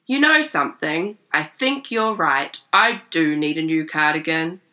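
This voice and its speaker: A woman's voice: sits low, expressive, measured pace, pushed and bright, heavily acted, rough recording. A woman voicing a stubborn old grandfather who loves his comforts, in a storybook reading.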